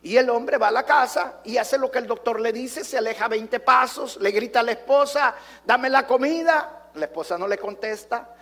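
A man's voice: extremely high pitch, brisk, hardly any pauses, fairly bright tone. A pastor, a man, preaching a sermon with emphatic repetition and rhetorical questions put straight to the congregation. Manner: addresses the congregation directly.

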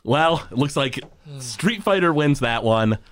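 A man's voice: medium pitch, animated, measured pace, a bit bright. A man hosting a podcast in casual chat, often stopping and restarting his phrases. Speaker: podcast host.

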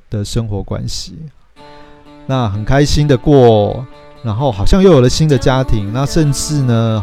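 A male host with a mellow, medium-pitched voice casually recaps a film's plot, chatting as he goes and acting out the characters' lines.

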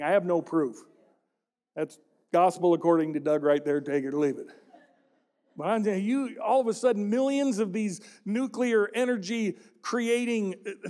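A man's voice: sits high, darkish tone. A middle-aged man preaching a sermon, with playful joking asides to the congregation. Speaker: pastor.

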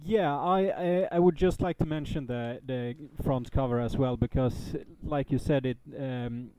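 A man chatting casually as a podcast co-host in a halting, hesitant way. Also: medium pitch, warm tone, slight background noise, rough recording.

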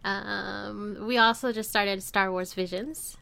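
A woman's voice: mid-range voice, fairly even intonation, takes it slowly, gravelly, pushed and bright, smooth. A woman co-hosting a casual podcast chat in an easygoing way, laughing often. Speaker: podcast co-host.

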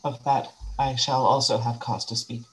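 A man's voice: mid-range voice, flat delivery, normal speed, close to an everyday voice, poor audio. A man acting a loyal, solemn, grieving friend in a Shakespearean tragedy, recorded with background noise.

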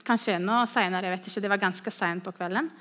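A woman giving a sermon who tells stories earnestly and pauses with hesitant fillers. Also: mid-range voice, fairly even intonation, fairly bright tone. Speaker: speaker.

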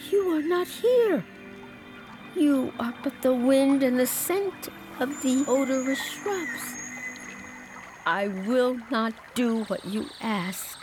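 A woman's voice: deep voice, lively intonation, takes it slowly. A woman playing a devout young peasant maid, frightened yet defiant, in a solemn, righteous dramatic monologue over music. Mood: terrified.

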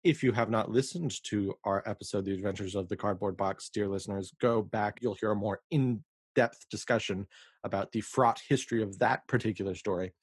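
A man's voice: on the low side, a little fast, slightly rough, no echo, studio quality. A man co-hosting a podcast, chatting casually, laughing often and reading quotes aloud. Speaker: podcast co-host. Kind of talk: casual chat.

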